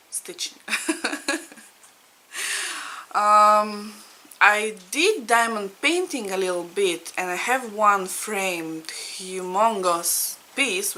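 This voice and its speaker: Bright-voiced chatty woman, Russian native. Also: mid-range voice, rough recording. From Latvia. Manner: chatty, laughs often, halting non-native phrasing. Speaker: needlework vlogger. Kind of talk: casual chat to camera. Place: home in Ireland.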